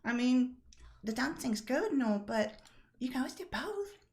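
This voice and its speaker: A woman's voice: very animated, a little mellow. A woman voicing a chatty, insecure young actress in a tabletop role-play. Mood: bubbly. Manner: bubbly, pleading, high and quick.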